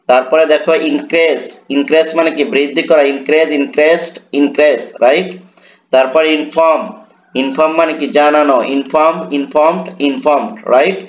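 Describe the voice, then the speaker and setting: A male teacher giving an online grammar lesson, posing questions to his students and answering them himself, repeating words slowly. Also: fairly high pitch. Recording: echoey room, dull lo-fi sound.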